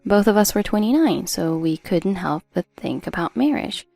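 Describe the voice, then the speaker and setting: A woman reading a first-person drama story as a narrator in a steady storytelling delivery. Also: medium pitch, moderate pace, vocal fry, no room sound, faint music behind.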